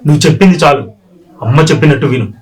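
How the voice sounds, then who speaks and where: A man's voice: on the high side, animated, racing, lightly acted. A man playing a stern village father. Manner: stern, admonishing.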